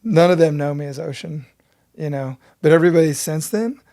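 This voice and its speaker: A man's voice: on the high side, a little fast, dark tone. A man in his fifties, a breathwork teacher telling his story with earnest intensity in an interview.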